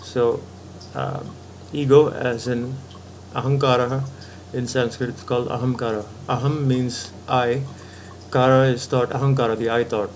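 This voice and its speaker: A spiritual teacher with a medium-pitched, flat voice gives a patient philosophical talk at a measured pace. He reasons step by step and often checks in with the listener, over slight background noise.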